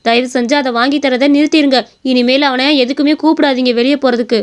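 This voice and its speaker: A woman plays a strict but caring village mother in a cartoon story. She scolds firmly and talks fast in a high voice. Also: fairly even intonation, clean tone, close to an everyday voice. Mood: stern. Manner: scolding, firm.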